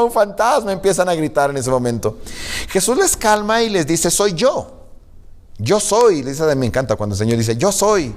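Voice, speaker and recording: A male pastor giving a sermon, reading scripture and retelling it with jokes and chatty asides. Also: on the high side. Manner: animated, jokey storytelling.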